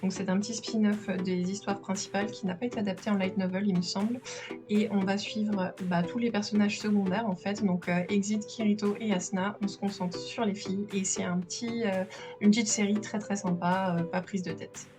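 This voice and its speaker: A chatty woman walks through her bookshelves at home in an easy, enthusiastic vlog, talking over a handheld camera. Her voice sits at an ordinary middle pitch. Clear background music plays under her talk. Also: steady tone. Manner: chatty, enthusiastic, filmed while handheld, with filler pauses. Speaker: manga collector vlogger. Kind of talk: casual shelf-tour vlog. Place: at home by bookshelves in the living room.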